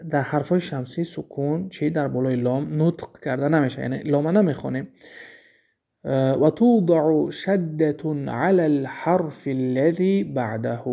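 A man's voice: medium pitch, vocal fry, warm tone. A man with a Tajik accent teaching an Arabic grammar lesson, explaining step by step and answering his own questions.

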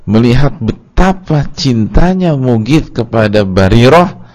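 A man with an Indonesian accent preaching at a religious study lecture, telling a story with lively, acted-out quoted voices. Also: mid-range voice, measured pace. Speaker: Islamic preacher.

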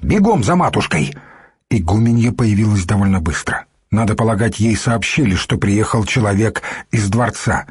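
A man narrating an audiobook in a steady, measured reading voice. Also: fairly low pitch, slightly rough, no echo, clean studio sound.

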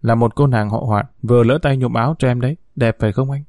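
A man's voice: mid-range voice, fairly even intonation, quick pace, darkish tone, dry recording, clean studio sound, close to an everyday voice. A man reading a storybook in the part of a spirited young woman, teasing and mocking her rival.

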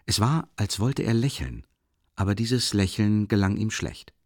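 Man reading a classic novel aloud, expressive, measured, dry studio sound. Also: on the low side, dry recording. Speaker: audiobook narrator. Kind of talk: scripted narration.

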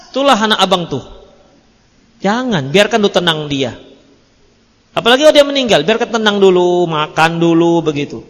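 A man teaching a religious book study in sermon style, telling stories lively and acting out bits of dialogue with joking asides. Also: high voice. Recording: long reverb of a hall.

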